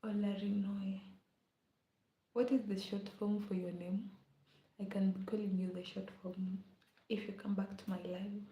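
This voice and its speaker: A woman's voice: mid-range voice, level tone, unhurried, long pauses, muffled recording. A young woman from Kenya chatting casually on a live stream, often slipping into a whisper. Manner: chatty, often drops to a whisper, hums song lines. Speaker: livestreamer. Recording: echoey room.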